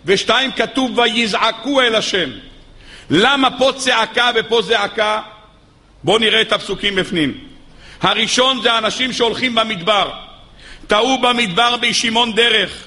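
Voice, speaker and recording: A male Torah teacher reads sources aloud and then presses each point with a climbing, emphatic delivery. His voice sounds pushed and bright, carrying the echo of a big room.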